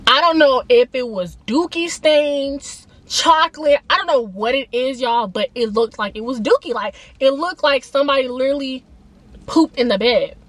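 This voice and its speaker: A young woman vlogger telling a story casually, slangy and animated, acting out the people she quotes. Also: high voice, normal speed, dry recording.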